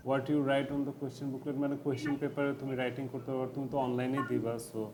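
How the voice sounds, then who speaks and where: A man's voice: medium pitch, level tone, fairly quick, darkish tone, a little hiss or hum. A man giving a casual IELTS tutoring lecture, mixing English tips into loose, chatty explanations with many fillers.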